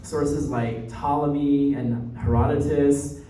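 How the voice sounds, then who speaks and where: Speaking slowly in a mellow, mid-range voice with fairly even intonation, a young man from New Jersey gives an informal academic talk as a guest lecturer and graduate student. He's conversational, often checking in and punctuating points with "right?". The recording is muffled and echoey, from a distant mic, with faint noise.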